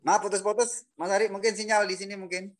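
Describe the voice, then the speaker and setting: A man's voice: high voice, level tone, fast. Man on a choppy, breaking-up call line. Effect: choppy, breaking-up online call connection. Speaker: remote participant asking a question. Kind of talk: casual discussion question.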